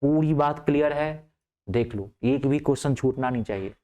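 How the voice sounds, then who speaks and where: A male math teacher. He explains geometry step by step, keeps asking whether things are clear, and drops his voice low to answer his own questions. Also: moderate pace, warm tone, muffled recording. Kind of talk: lively classroom math lesson.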